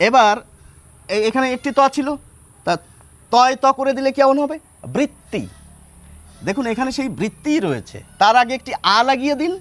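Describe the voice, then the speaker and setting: An older man with a Bengali accent, teaching pronunciation in a slow, deliberate lesson. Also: very high-pitched. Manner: slow, deliberate demonstration of words. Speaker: language teacher.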